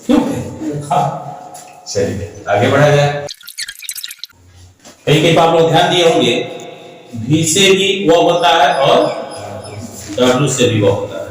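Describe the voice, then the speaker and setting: A man's voice: fairly high pitch, expressive, unhurried, pauses often. A man teaching spoken English, who repeats each word again and again and keeps asking the class questions. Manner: repeats words over and over, asks the class rhetorical questions. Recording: echoey hall, voice from far off.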